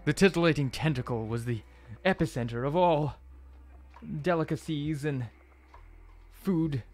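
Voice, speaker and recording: A man voicing a bitter rival restaurateur with psionic powers, ranting loudly and indignantly. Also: a little high, measured pace, soft background music, pitched above the performer's own voice, close to an everyday voice.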